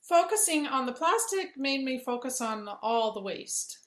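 A woman's voice: high-pitched, animated, measured pace. A woman speaking as a podcast guest, earnest and conversational. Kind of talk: casual interview chat. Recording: roomy echoey sound.

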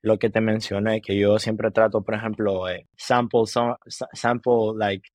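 Recorded dry with studio quality, this man's lowish, darkish voice shows little pitch movement. The speaker is a musician in his twenties with a Honduran Spanish accent, guesting in a laid-back interview in Spanish and English. Earnest but halting, he restarts frequently and repeats words.

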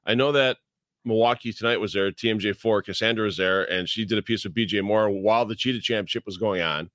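A man's voice: on the low side, fast, fairly bright tone, dry recording. A man co-hosting a bowling podcast, explaining details in a matter-of-fact, casual way. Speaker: podcast co-host. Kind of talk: casual chat.

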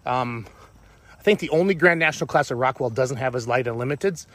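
A man's voice: medium pitch, fairly quick, fairly bright tone. A man, out of breath, giving a rambling, upbeat casual update and often correcting himself. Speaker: tractor pulling team owner.

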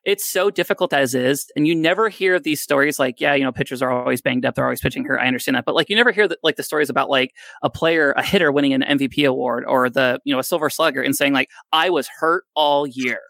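A man in his thirties with a gravelly, bright, slightly high voice chats about fantasy baseball. He rambles and jokes at his own expense. The recording is dry and close. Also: fast talker, hardly any pauses, dry recording. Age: 30s. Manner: rambling, self-deprecating, jokey. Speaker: podcast co-host. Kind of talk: casual fantasy baseball chat.

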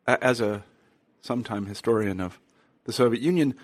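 A man asks long, hesitant questions as an interviewer, searching for his phrasing as he goes. His pitch is middling and the recording is dry. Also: normal speed, dry recording.

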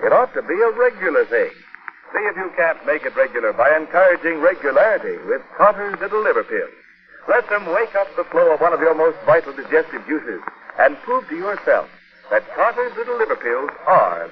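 A man's voice: a little high, sing-song, brisk. A man reading sponsor announcements as a polished 1940s radio announcer. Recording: muffled old radio broadcast.

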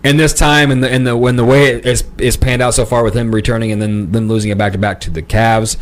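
A man's voice: mid-range voice, little pitch movement, fast talker. A man co-hosting a sports comedy podcast, rambling in a laid-back way and laughing as he talks. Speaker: podcast co-host.

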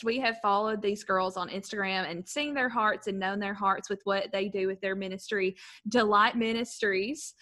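Bright, highish young Southern woman hosting. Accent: Southern US drawl. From east of Nashville, Tennessee. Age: young adult. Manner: effusive, friendly. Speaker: podcast host. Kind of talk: casual chat.

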